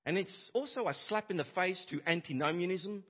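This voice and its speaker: A pastor preaching a sermon, stressing key lines with rhetorical questions and repeating them for emphasis. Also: male voice, sits high, brisk. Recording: muffled lo-fi church sermon audio.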